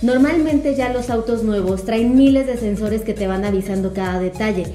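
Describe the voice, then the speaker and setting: An upbeat young woman counts off travel tips from her couch at home. Her voice sits fairly high yet mellow. The room rings a little, with soft music underneath. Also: normal speed, roomy sound. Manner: upbeat, announces numbered tips. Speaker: travel vlogger. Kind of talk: casual advice to camera. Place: living room, indoors.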